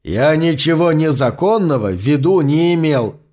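A man voicing a huge, blustering fat man with a deep, booming voice in an audiobook. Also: expressive, normal speed, a little mellow, natural voice. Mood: grumbling. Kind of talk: audiobook narration.

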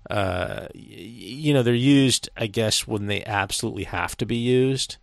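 A man's voice: lowish voice, normal speed, vocal fry, no echo. A man co-hosting a casual film chat, blunt and opinionated, with some swearing. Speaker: podcast co-host.

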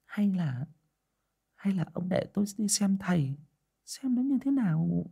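Man doing a shrill, panicky village wife, husky and high. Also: big pitch swings, a little slow, warm tone, heavily acted. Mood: worried. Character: fretful older village wife.

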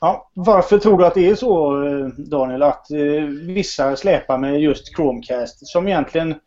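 Dude cohosting, chill and jokey, swears a bit, slightly high voice, muffled lo-fi audio. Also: male voice, warm tone. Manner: laid-back, joking, crude. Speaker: podcast co-host. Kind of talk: casual podcast chat. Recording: dull lo-fi podcast audio.

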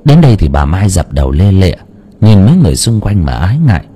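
A man narrating an audiobook with steady storytelling. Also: sits low, quick pace, slight background noise.

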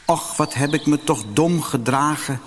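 A man's voice: fairly high pitch, unhurried, in a large hall, slight background noise, close to an everyday voice. A man doing a sighing, regretful princess. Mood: plaintive. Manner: plaintive, sighing lament. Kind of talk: storybook reading.

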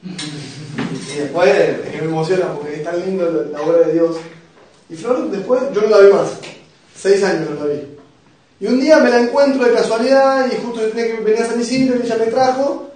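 A man's voice: sits high, moderate pace, a little mellow, a little hiss or hum. A young man with a Rioplatense Argentine accent, preaching to a youth group with jokes, personal stories and questions to the audience. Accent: Rioplatense Argentine Spanish. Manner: joking, emotional storytelling, asks the audience questions. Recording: very echoey room, voice picked up from a distance.

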